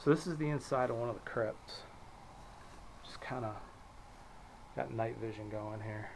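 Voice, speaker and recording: A man's voice: measured pace, gravelly. A man hosting a casual night-time paranormal investigation, talking hesitantly and calling out repeated questions. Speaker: ghost hunt investigator and host. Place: small stone cemetery crypt at night. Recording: noisy location sound with vehicle rumble.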